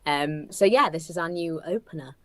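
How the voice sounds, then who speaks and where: Low-pitched woman, chatty and upbeat, talking casually about her new musical. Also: moderate pace, dry recording. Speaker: musical theatre writer and co-creator. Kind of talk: casual chat.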